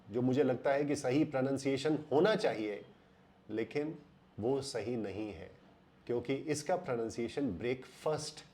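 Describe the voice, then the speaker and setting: An Indian man records a teaching voice-over at a mid-range pitch. He explains step by step and slows right down to draw out the words he wants to stress, in the measured way of a lesson. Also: a little mellow. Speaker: English pronunciation teacher.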